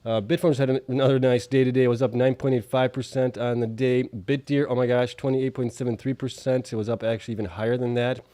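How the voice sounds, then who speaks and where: A man's voice: medium pitch, flat delivery, fast talker, few pauses, warm tone, no room sound. A man hosting a casual stock market recap, reading out figures informally with offhand asides, slightly affected by allergies. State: allergies, with coughing and sniffles. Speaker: host of a stock market video show.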